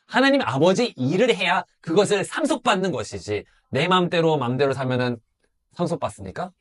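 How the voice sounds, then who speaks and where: A middle-aged male pastor preaching with a fairly high voice that swings widely up and down. He drives his points home through emphatic rhetorical questions, one after another. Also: a bit bright. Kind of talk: sermon.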